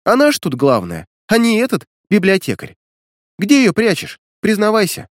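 A man's voice: high-pitched, wildly swooping pitch, moderate pace, no room sound, studio quality, pitched above the performer's own voice. A man reading an audiobook voices a sarcastic, mocking young woman student who scolds and teases the hero. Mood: scolding.

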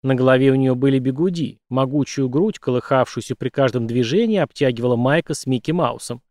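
A man narrating an audiobook in a steady, even reading voice. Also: mid-range voice, fairly quick, dry recording, clean studio sound. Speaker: audiobook reader. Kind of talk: scripted narration.

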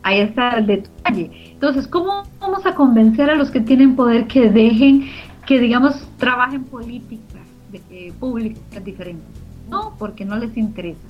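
Speaking at a moderate pace in a slightly high voice, this co-founder of a community radio organization, a middle-aged Costa Rican woman with a Spanish accent, responds to an interviewer with earnest emphasis and repeated phrases. Background music plays under a muffled, lo-fi recording.

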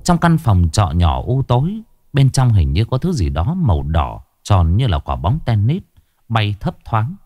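Male ghost story narrator, lively pitch, dry close sound. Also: a little slow, no echo. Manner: expressive, colloquial.

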